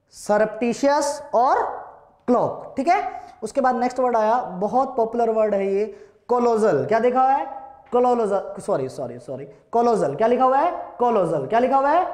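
In a classroom-style online lesson, this Indian-accented man drills English vocabulary using a high-pitched, darkish voice. He keeps repeating the same question, spells words out one letter at a time, and relies on call-and-answer exchanges.

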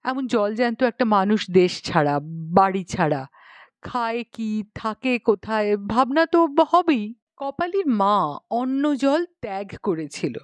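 This audiobook narrator is a woman with a slightly high voice, heard in a dry recording. She tells the story expressively and dramatically, performing the dialogue.

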